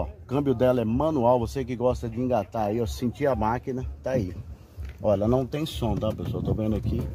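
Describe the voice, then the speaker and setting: A Brazilian man, a car broker showing a pickup to viewers in a pitchy sales patter, filming with a handheld phone in an outdoor car fair lot. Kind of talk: walkaround car sales video. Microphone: handheld phone camera held by the speaker. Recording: outdoor phone audio with background noise.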